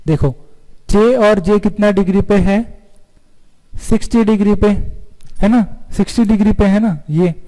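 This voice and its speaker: In an online stenography lesson, a man with a high-pitched, dark-toned voice speaks a little slowly, leaving long pauses. He poses questions to the class, answers them himself, and stretches out single letters. The recording has a long hall reverb.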